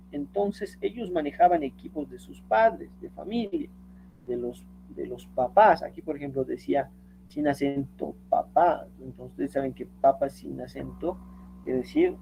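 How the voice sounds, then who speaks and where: A man's voice: fairly high pitch, creaky, dark tone, a little hiss or hum, low-quality recording. A man teaching a lesson, explaining step by step and reading quotes aloud, often checking with "¿no?". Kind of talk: screen-share tutorial lecture.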